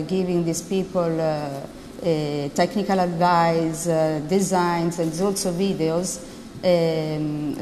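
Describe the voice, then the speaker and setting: A woman speaks very slowly and haltingly, pausing and filling gaps as she searches for words. Her voice is low and mellow. It echoes with the long reverb of a hall. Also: a little hiss or hum. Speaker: panel guest, fashion designer. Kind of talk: conference panel answers. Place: conference hall. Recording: conference hall reverb, faint ambience.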